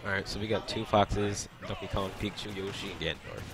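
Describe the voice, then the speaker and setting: Low-side voice, steady tone, quick delivery: a young esports commentator covering a tournament stream. He chats loosely, laughs often and answers chat between plays as loud game music plays behind him.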